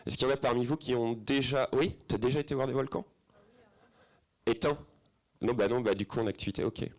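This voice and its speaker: A man's voice: medium pitch, a little fast. A middle-aged man presenting a film to a young audience in a cinema auditorium, chatty and hesitant, with many fillers and questions to the room. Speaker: film educator presenting to students. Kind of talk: informal presentation to a school audience.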